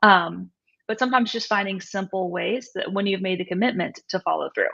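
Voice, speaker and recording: A woman in her thirties or forties, a nutrition coach appearing as a guest, answers interview questions conversationally, explaining things and often checking in with "right?" and "you know." Her mid-range voice is a little fast, creaky and a bit bright. The audio is dull and lo-fi.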